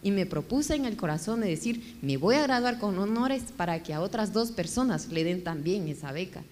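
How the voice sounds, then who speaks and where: Mujer guatemalteca contando su historia. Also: female voice, mid-range voice, moderate pace, slight background noise. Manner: animated, emotional storytelling. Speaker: guest. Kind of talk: telling her life story. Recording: echoey hall.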